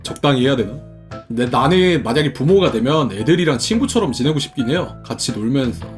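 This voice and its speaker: Lively young man chatting with viewers. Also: medium pitch, quick pace, music in the background. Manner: chatty, playful, muses aloud. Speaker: streamer. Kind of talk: casual chat with viewers. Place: his room at home.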